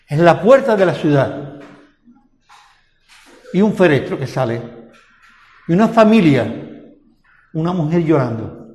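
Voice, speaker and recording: An older man with a Spanish accent from Spain, preaching a sermon and asking repeated rhetorical questions. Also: high voice. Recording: echoey hall with long reverb.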